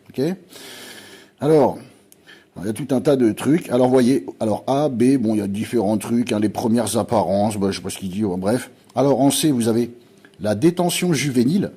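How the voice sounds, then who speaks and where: Agitated French-speaking man, husky voice. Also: fairly low pitch, dark tone. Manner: insistent, repeats "hein" constantly, urging viewers. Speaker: video channel host. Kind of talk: agitated conspiracy vlog.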